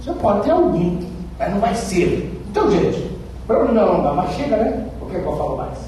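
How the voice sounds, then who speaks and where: A man's voice: high-pitched, big pitch swings, brisk, dark tone. An older man with an interior São Paulo Brazilian accent gives an emphatic motivational talk, repeating phrases and asking rhetorical questions. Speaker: radio broadcaster giving a talk. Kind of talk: motivational public speech with personal anecdotes. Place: echoey room at a speaking event. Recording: echoey hall, distant mic, faint noise.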